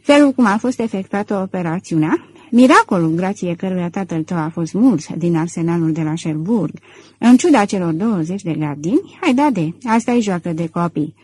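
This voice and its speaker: A woman voicing a suave, self-assured middle-aged gentleman thief in an audiobook, cool and controlled. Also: lowish voice, expressive, breathy edge, rough recording. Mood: mocking. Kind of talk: audiobook character reading.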